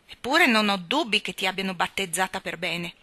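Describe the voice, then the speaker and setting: A woman's voice: medium pitch, lively intonation, a little fast, bright, forceful tone, no room sound. Woman reading a scornful, defiant young woman. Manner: scornful, challenging. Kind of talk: audiobook character reading.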